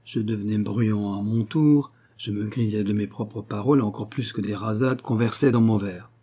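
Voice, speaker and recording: A man reading a classic story aloud in a measured storytelling manner. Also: fairly low pitch, mellow. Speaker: audiobook reader. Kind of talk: scripted narration.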